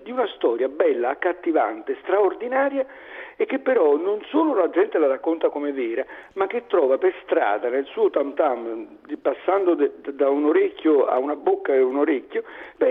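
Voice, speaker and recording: Man from Naples, psychiatrist guest, rambling, husky, phone-line sound. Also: a little high. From Naples, Italy. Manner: rambling, hunts for words, restarts a lot. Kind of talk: phone-in radio interview. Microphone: telephone.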